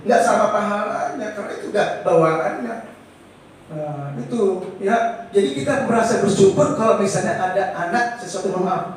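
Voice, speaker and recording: A middle-aged man gives an informal seminar talk in a gentle, patient way. His voice sits high and reaches the mic from a distance, and it rings through a large hall. Faint room ambience hangs behind him. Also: a little hiss or hum. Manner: gentle and patient, asks the audience rhetorical questions. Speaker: teacher speaking at an education seminar. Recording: echoey hall, speaker far from mic.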